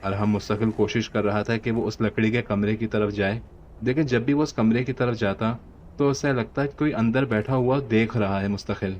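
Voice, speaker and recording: Low-voiced man narrating a horror story. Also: steady tone, normal speed, a little mellow. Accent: Pakistani Urdu. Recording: dull lo-fi audio with faint hiss.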